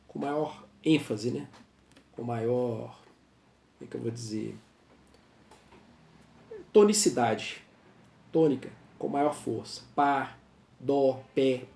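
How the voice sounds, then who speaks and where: A man teaching a grammar lesson, patiently explaining rules and repeating examples slowly. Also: mid-range voice, creaky, mellow. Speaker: Portuguese teacher. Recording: echoey room.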